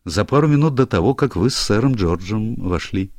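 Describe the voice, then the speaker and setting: A man's voice: on the low side, animated, fairly quick, a little mellow, no room sound, studio quality, voice pushed up, close to an everyday voice. A man voicing a young, anxious male secretary who stammers and is eager to please, in an audiobook. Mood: flustered. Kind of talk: audiobook character voice.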